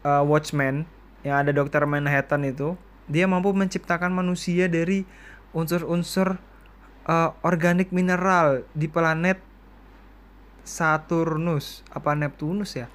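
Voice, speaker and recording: Chatty young man from East Kalimantan. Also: a little high. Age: 20s. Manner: chatty, joking, quotes people in lively voices. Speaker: podcast host. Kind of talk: casual solo podcast storytelling.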